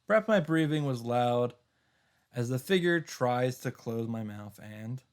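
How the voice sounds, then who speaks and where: A let's player reads visual novel narration aloud in a mid-range, expressive voice at a measured pace, slipping in casual, wry asides. Music plays behind him.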